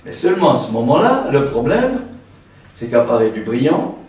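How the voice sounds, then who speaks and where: A man who sings tenor gives a seminar lecture, talking haltingly with many restarts and a frequent tag word. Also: medium pitch, sing-song, a little mellow. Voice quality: trained singer's voice, a tenor. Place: seminar room. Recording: very echoey room, mic far off.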